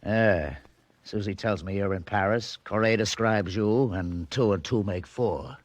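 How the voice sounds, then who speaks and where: A gruff American police detective from an old radio show, curt and sardonic. His voice is low, with a dry, close sound. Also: unhurried, dry recording, muffled recording. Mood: brusque explaining. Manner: curt, sarcastic, clipped tough-cop talk. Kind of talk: 1940s radio drama acting.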